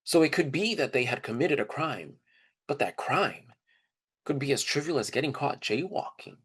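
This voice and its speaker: Breathy, a bit bright and lively in intonation, a medium-pitched male voice moves at a moderate pace through a dramatized first-person story. The monologue is casual and reflective, and he acts out the lines he quotes.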